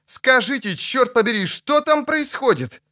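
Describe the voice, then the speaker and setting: A man voicing an excitable young male bard who shrills and exclaims in an audiobook. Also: extremely high pitch, measured pace, no echo, studio quality, pitched above the performer's own voice, heavily acted. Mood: alarmed.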